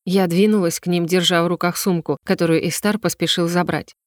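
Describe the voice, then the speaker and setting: A woman's voice: lowish voice, steady tone, brisk, dry recording. Woman narrating a story, dry sound. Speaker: audiobook narrator. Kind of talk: scripted first-person narration.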